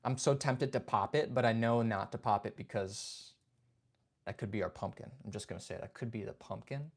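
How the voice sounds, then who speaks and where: A fairly low-pitched young man speaks at a moderate pace while hosting a casual livestream chat. He greets viewers by name and reads their comments aloud, keeping things relaxed and chatty with frequent "man" and "dude."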